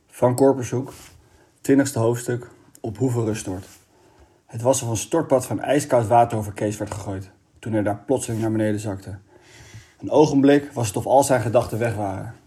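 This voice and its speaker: Mellow-voiced man reading a storybook. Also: mid-range voice, moderate pace. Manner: steady, expressive storytelling. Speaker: audiobook reader. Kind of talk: reading a children's novel aloud.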